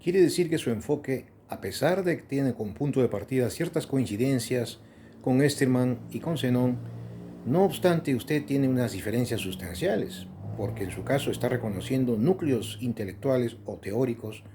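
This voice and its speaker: A male interviewer asks questions in a careful, deliberate way. His voice is warm and mellow, with faint background noise. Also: medium pitch.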